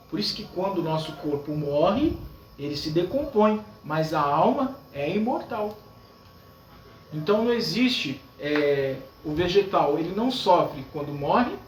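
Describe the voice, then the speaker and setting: A man with a Brazilian accent, a priest preaching a sermon, explaining his points and often asking his listeners questions. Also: sits high. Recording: echoey, from far off, faint background noise.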